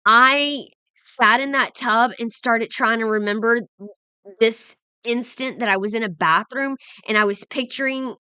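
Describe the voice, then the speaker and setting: Bright-voiced woman telling her story. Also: on the high side, smooth, no echo. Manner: earnest, emotional, with frequent restarts. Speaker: vlogger. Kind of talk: personal storytelling.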